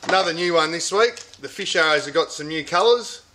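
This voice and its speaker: A man's voice: a little high, a little fast, noisy background. A middle-aged Australian man hosting a weekly fishing report from inside a tackle shop, chatting about catches and specials in an upbeat sales patter. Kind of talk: casual product and fishing report. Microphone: camera at close range.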